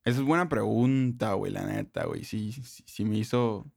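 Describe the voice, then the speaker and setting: A man's voice: lowish voice, moderate pace, gravelly, darkish tone, no room sound, studio quality. A young man with a northern Mexican accent, chatting casually in profane street slang as an interview guest. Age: young adult.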